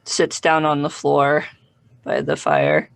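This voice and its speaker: A man narrating a tabletop game as game master, improvising descriptions in a halting way. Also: a little high, sing-song, no echo.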